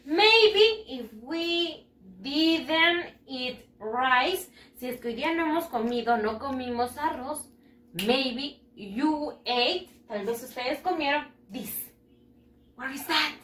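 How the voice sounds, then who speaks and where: Lively, high-voiced teacher praising children. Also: female voice, reverberant, a little hiss or hum. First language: Spanish. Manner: drills words, cheerful praise, switches between Spanish and English. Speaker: first grade English teacher. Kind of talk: bilingual lesson to children.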